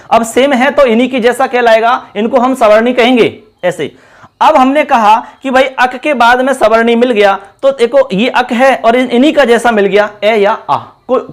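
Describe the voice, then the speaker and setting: At a board, a man with an extremely high-pitched voice teaches Sanskrit grammar. He goes step by step, repeats key terms and addresses his viewers as friends.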